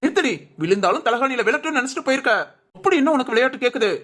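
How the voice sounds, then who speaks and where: A voice actor playing an angry young husband in a cartoon, scolding his wife in a sharp, bossy way. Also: sits high, lively intonation, rapid-fire, slight background noise. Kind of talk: cartoon voice acting.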